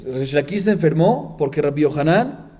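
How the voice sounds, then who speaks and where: A man teaching a Talmud class as a rabbi, telling the story with lively repetition and questions to his students. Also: on the high side, normal speed. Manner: animated storyteller, asks students rhetorical questions; repeats phrases for emphasis. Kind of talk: Talmud class, reading Aramaic and explaining.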